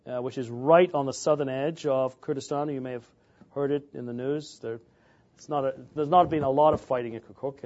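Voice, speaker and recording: Giving an informal talk on church history, a man from England in his fifties often stalls on filler sounds and starts over. He has a mid-range voice, and the recording sounds muffled.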